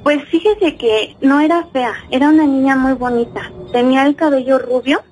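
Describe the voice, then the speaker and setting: High-voiced Mexican woman caller. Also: normal speed, a little mellow, faint music behind. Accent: Mexican Spanish. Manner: chatty, many fillers like "este" and "¿no?". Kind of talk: telling a personal story on the phone.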